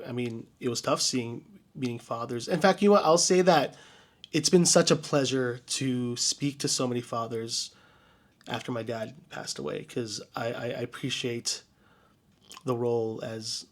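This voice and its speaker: Halting, earnest American man vlogging. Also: medium pitch. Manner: halting and searching, many restarts and fillers; earnest, quietly emotional. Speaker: vlogger and DJ entertainer. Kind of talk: personal reflective vlog storytelling.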